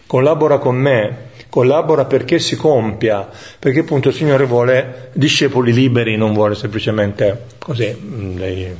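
A man leading a Bible study, teaching in a reflective way that thinks aloud, with pauses and tag questions. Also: medium pitch, darkish tone, highs cut off. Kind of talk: lectio divina teaching.

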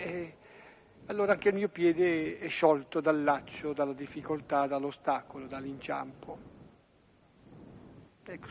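A man sharing a personal reflection on a bible passage, pausing often with hesitant fillers. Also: on the high side, gravelly, a little hiss or hum. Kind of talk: spoken reflection on scripture.

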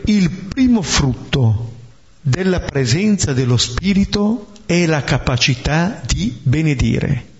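Man preaching, fairly high voice, thoughtful homily, rhetorical asides, dull lo-fi sound. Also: gravelly. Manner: slow, reflective, with rhetorical "eh?" tags. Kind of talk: homily on scripture. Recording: dull lo-fi recording.

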